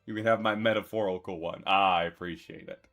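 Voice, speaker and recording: A man streamer chatting casually with his viewers, relaxed and chuckling as he thanks them. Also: sits low, fast, soft background music. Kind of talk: casual live-stream chat.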